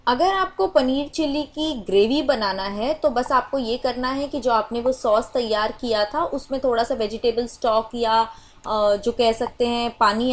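A woman explaining a recipe step by step in a voice-over cooking tutorial, with many small filler phrases. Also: high-pitched. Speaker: cooking channel host.

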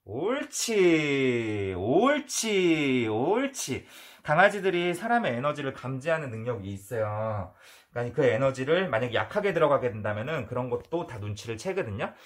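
A male dog trainer calmly explaining grooming to an owner, with firm, drawn-out soothing praise for the dog. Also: medium pitch. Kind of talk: hands-on training demonstration.

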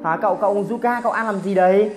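A woman giving excited commentary over her own mobile game match, full of exclamations and teasing jabs at opponents. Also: mid-range voice, fast talker, faint music behind. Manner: exclamatory, teasing opponents, frequent cries of surprise. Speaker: gameplay commentator.

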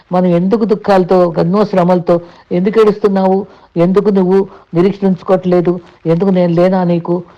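Gravelly-voiced woman preaching a devotional sermon. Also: on the low side, mellow. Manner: earnest, repeats and restarts words, addresses listeners politely. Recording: dull lo-fi recording.

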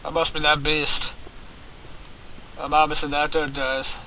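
A man's voice: a little high, little pitch movement, a little slow, bright, forceful tone, slight background noise, rough recording. A man giving rambling, casual gameplay commentary, swearing often and talking straight to his viewers. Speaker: let's play host.

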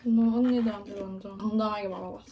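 A woman's voice: mid-range voice, fairly even intonation, rapid-fire, muffled recording. A woman in her twenties chatting playfully with a friend while eating, her mouth full of noodles. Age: 20s. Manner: chatty, playful, laughs often. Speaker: vlogger. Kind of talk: casual mukbang chat with a friend.

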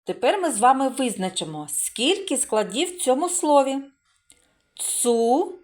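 A woman teaching a remote literacy lesson to young children, sounding out syllables slowly and praising them as they go. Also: high-pitched, sing-song. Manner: slow, drawn-out sounding out of syllables; praising and encouraging. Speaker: preschool teacher.

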